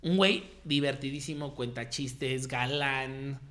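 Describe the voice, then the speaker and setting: A man in his thirties with a Mexican Spanish accent tells his story in slangy, casual chat, acting out the voices of the people he quotes. His voice is mid-range and sharp, with fairly even intonation and a slightly slow pace.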